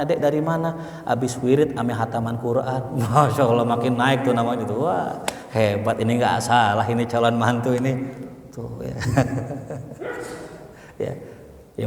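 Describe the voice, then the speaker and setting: Jokey preacher in an echoey hall. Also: male voice, mid-range voice. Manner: jokey, acts out little dialogues, asks the audience questions. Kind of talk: humorous mosque sermon. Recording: echoey hall, distant mic.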